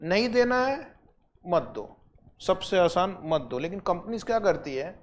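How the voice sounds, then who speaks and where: A man's voice: high voice, big pitch swings. Man giving an exam revision lecture. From India. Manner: explains step by step, slows down to dictate definitions; asks students rhetorical questions. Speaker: accounting lecturer.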